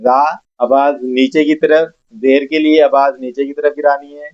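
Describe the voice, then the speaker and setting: Guy teaching tajweed, says each sound over and over slowly, kinda high voice, dull lo-fi audio. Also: level tone, darkish tone. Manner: slow, repetitive, drawn-out syllables for students to copy. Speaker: Quran recitation teacher. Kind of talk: tajweed lesson, drilling letter sounds. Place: mosque classroom. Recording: dull lo-fi recording.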